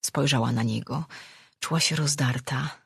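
Woman, audiobook narrator, low voice, husky, measured, dry close recording. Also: dry recording. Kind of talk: audiobook reading.

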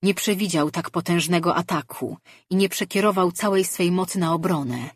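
A woman's voice: lowish voice, moderate pace, husky, no echo, studio quality. A woman doing Juran, a commanding sorcerer leader. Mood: triumphant.

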